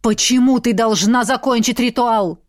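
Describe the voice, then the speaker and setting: A woman's voice: a little high, normal speed, close to an everyday voice. A woman voicing an angry young male mage who barks stern commands.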